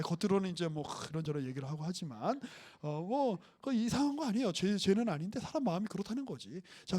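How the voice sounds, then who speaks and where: A man preaching a casual, conversational sermon who asks the congregation questions. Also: on the high side. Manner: animated, acts out voices of Jesus and Peter, asks the congregation questions. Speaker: pastor.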